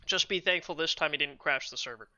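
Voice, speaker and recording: A man's voice: on the high side, fast talker, a little hiss or hum. Chatty man over dull lo-fi chat audio. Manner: relaxed, chatty. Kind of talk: casual voice chat.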